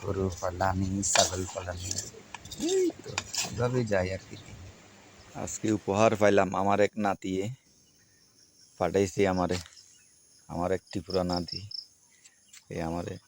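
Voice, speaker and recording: A man, chatting gently and coaxing animals in a casual village vlog. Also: low-pitched, steady tone, unhurried, pauses often. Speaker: village vlogger. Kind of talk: casual outdoor chat. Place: outdoors in a village. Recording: outdoor recording with loud insect and bird noise.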